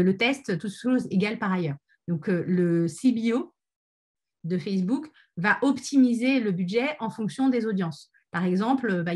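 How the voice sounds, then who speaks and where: A woman's voice: mid-range voice, darkish tone. A woman presenting an online training session, talking with many fillers and restarts. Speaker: webinar speaker on ad testing.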